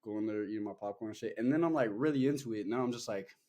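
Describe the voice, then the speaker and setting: Young guy, mellow warm voice, rambly podcast chat, lots of likes and swearing. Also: lowish voice, quick pace. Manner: loose and rambling, full of fillers and swearing. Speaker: podcast host. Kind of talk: casual chat.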